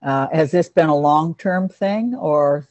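Speaking slowly in a deep, slightly mellow voice, an animal communicator leads a relaxed online class on a video call. The recording is muffled but free of room sound, and she's warm and talkative, addressing students as "honey" and "sweetheart."

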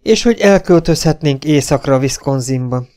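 Male narrator as fussy elderly professor, raised pitch, exclamatory. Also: lively intonation, mellow, natural voice.

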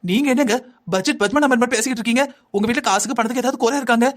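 Man doing a cartoon young wife, envious, nagging, whining, high voice, fast talk. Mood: reproachful. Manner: nagging, whining, quick and insistent. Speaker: wife in a cartoon family drama. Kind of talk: Tamil cartoon voice acting.

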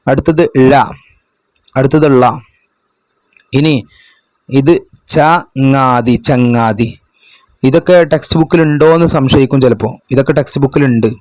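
A man explains exam answers to young students in a patient, step-by-step way, often asking a question and answering it himself. His voice sits in an ordinary middle pitch. The sound is dry and close, with little room echo. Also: moderate pace, long pauses, a little mellow. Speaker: madrasa teacher.

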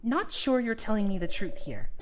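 A woman's voice: mid-range voice, very animated, normal speed, soft background music, close to an everyday voice. A woman voicing an earnest, anxious, sweet young woman in a video game, politely eager and bashful. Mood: worried.

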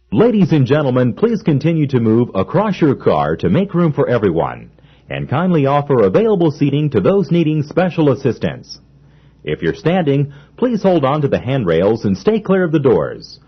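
A man giving polite, measured onboard train announcements in a formal manner. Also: mid-range voice, breathy edge. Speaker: transit announcer. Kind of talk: recorded monorail announcements. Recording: dull lo-fi old recording.

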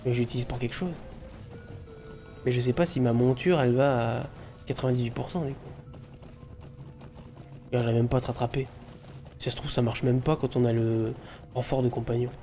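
A man's voice: mid-range voice, steady tone, brisk, long pauses, dark tone, faint music behind. A man hosting a game video, chatting, joking and thinking aloud as he plays. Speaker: let's play host. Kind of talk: casual gameplay commentary.

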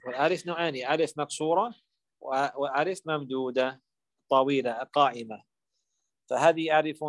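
A man's voice: on the high side, no room sound. A man teaching an Arabic grammar class, repeating key terms, quizzing his students and sometimes explaining in English.

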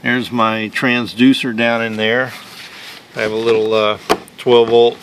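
A man's voice: medium pitch, background noise. Plain-spoken man showing off his kayak. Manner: relaxed, plain-spoken, with frequent "uh" pauses. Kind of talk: casual show-and-tell walkthrough. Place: outdoors on a paved driveway.

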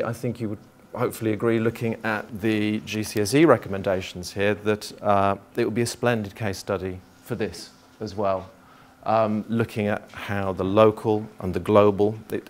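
A middle-aged man from Liverpool giving a conference talk to geography teachers in a lecture theatre, thinking aloud with frequent restarts. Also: fairly low pitch. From Liverpool, England.

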